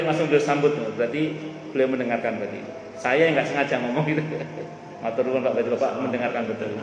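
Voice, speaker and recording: A male preacher, giving a lively religious talk in casual speech to a live audience, repeating his main points. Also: mid-range voice. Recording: echoey hall with faint room noise.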